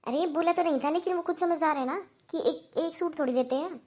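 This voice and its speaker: Woman doing an older cartoon mother-in-law, high voice, stern yet softening. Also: fairly even intonation, moderate pace, lightly acted. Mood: defensive. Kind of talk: Hindi cartoon dubbing.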